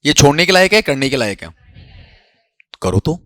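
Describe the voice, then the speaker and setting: A man's voice: on the high side, very animated, normal speed, fairly bright tone, no echo. Coaxing male exam teacher, dry room. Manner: coaxing, addresses students as beta, repeats "theek hai". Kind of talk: Hindi-English exam lecture.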